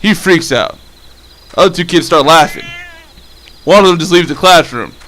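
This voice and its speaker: A man's voice: on the high side, moderate pace, a bit bright. Young man, vlogger, casual storytelling, swears a lot, trips over his words, faint background noise. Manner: rambling, profane, many restarts.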